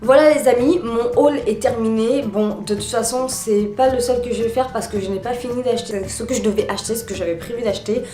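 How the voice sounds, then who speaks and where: A woman's voice: a little high, a little fast, few pauses, mellow, soft background music. Chatty woman vlogger, echoey room. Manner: chatty, many fillers and restarts. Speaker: beauty vlogger. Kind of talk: casual haul video.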